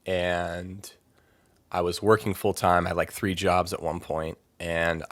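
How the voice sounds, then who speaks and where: A young metal vocalist from Maryland, USA, is a podcast guest, chatting casually, rambling with many fillers and laughing easily. His voice sits low with little pitch movement, unhurried and a bit bright, recorded with no room sound.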